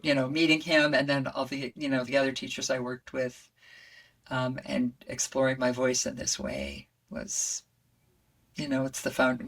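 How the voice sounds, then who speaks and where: A woman voice coach speaking as a guest in an interview, talking reflectively and expressively, swooping high when she acts out voices. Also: fairly bright tone, recorded from a distance.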